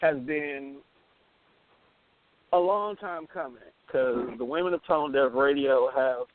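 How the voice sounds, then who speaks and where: Over a phone call, a man hosting casual internet radio banters in a slangy, playful and profane manner. His voice is medium-pitched and slow with no room sound, though the thin phone line carries hiss.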